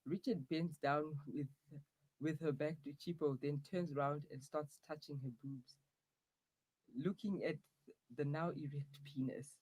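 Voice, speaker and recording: Brief: man narrator for a comic audio drama, husky, low-key asides. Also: fairly even intonation, measured pace, a little mellow, no echo, poor audio.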